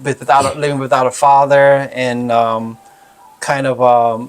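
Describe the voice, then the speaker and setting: A middle-aged Cambodian-accented man tells a personal story in a relaxed, halting way. He pauses often, fills gaps with small sounds and restarts his sentences. His pitch sits in an ordinary middle range for a man. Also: clean tone. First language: Khmer. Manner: halting, many fillers and restarts. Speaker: healer and channel co-host.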